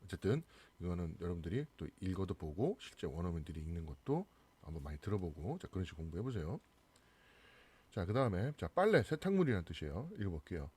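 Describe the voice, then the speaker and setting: A man's voice: low-pitched, sing-song, fast, a little mellow, breathy edge. A man with a Korean accent teaching English pronunciation, patiently explaining and repeating each word twice. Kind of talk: classroom pronunciation lesson.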